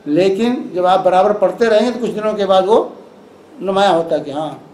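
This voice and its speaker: High-pitched man lecturing in an echoey hall. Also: normal speed. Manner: calm explanatory, repeats points for emphasis. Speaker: Islamic lecturer. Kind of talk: lecture with audience questions. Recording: echoey hall with faint noise.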